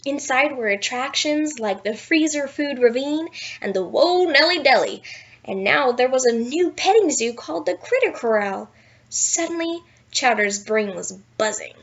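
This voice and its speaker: Reading a children's picture book aloud at bedtime, a woman with a high voice tells the story playfully and expressively, adding asides and leaning into key words for drama at a moderate pace. The audio sounds slightly dull and lo-fi, like a basic home recording.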